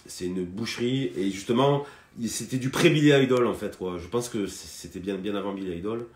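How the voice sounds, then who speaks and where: Speaking fairly quickly in a lowish voice, a man from France teaches guitar on a casual live stream. His talk is hesitant, packed with fillers and restarts, and he greets viewers by name amid roomy sound and guitar playing.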